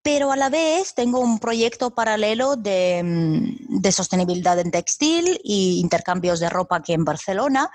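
A Latvian woman in her thirties chats casually on a podcast in accented Spanish. Her voice sits at a middle pitch and is recorded close and dry, with no room sound. She laughs often and backs up to restart words as she goes. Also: no room sound. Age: 30s. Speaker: podcast co-host.

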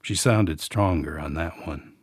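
A man's voice: low voice, unhurried, breathy edge, no echo, studio quality. A middle-aged man, an author and podcast host, reading from his own novel and then rambling in a folksy, self-deprecating way.

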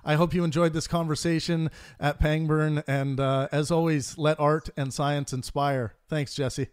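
A man with a fairly high voice hosts a casual live-stream podcast. He is relaxed, laughs easily and often stops to restart his sentences. The recording is dry and close to the mic. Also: a little slow, clean tone, dry recording. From Canada. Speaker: podcast host.

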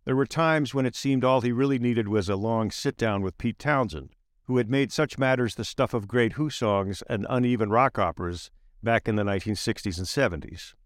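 A man reading aloud his own essay in a measured, wry narration with slowed emphatic phrases. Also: mid-range voice, smooth, no echo, clean studio sound.

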